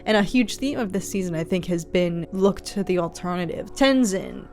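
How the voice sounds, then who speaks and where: A woman's voice: on the low side, lively intonation, normal speed, a little mellow, soft background music. A woman host giving casual, earnest, rambling commentary on a show in a reflective way. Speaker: reaction video host.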